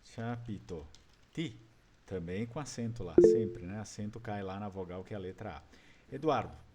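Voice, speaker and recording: Man, Brazilian Portuguese accent, low voice, patient online teacher, video call. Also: normal speed, warm tone. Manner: patient, explains step by step and quizzes students. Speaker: language teacher. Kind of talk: online class.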